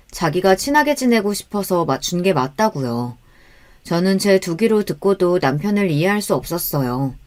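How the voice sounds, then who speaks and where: A woman's voice: fairly low pitch, a little mellow. Woman narrating a first-person story.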